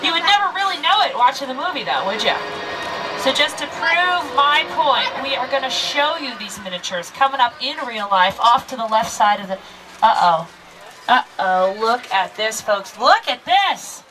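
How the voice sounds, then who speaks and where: A woman tram tour guide giving an upbeat, playful scripted narration to riders, heard through an outdoor tram loudspeaker. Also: sits high, animated, moderate pace. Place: open-air studio tour tram. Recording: distant outdoor loudspeaker with crowd and vehicle noise.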